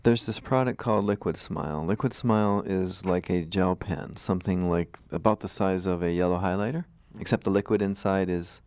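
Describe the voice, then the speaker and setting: Low, clear-voiced man hosting a radio interview. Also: normal speed, few pauses, darkish tone, dry recording. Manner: informal, explanatory. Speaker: radio show host, dentist.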